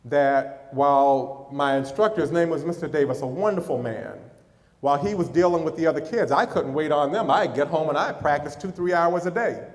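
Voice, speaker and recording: A middle-aged American pastor preaches a sermon, telling stories to his congregation and chuckling as he goes. His voice is a little high and his pace is normal, with long hall reverb on the recording.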